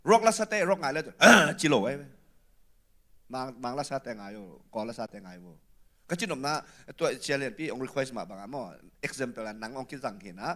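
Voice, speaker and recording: A man hosting a casual chat, talking in an animated way. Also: mid-range voice.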